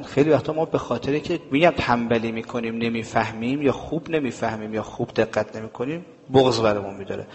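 A man's voice: medium pitch, in a large hall. A man preaching a sermon to a live audience. He speaks emphatically and keeps asking questions that he then answers himself. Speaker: religious preacher.

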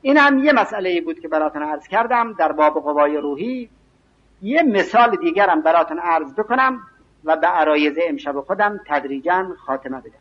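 Slow, emphatic preacher on a lo-fi tape. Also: male voice, on the high side, lively intonation. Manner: slow, emphatic, quotes scripture and verse. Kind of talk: evening religious lecture. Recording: dull lo-fi recording.

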